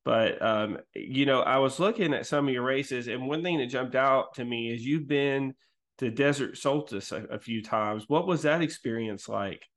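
A man's voice: medium pitch, moderate pace, fairly bright tone. A man hosting a casual interview, chatty and self-deprecating, often stumbling as he starts a question. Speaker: podcast host interviewer.

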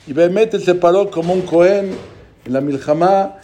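A man delivers a religious lecture in a preaching manner, often posing rhetorical questions. His voice sits high, yet its tone is dark and mellow. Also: normal speed. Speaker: religious speaker.

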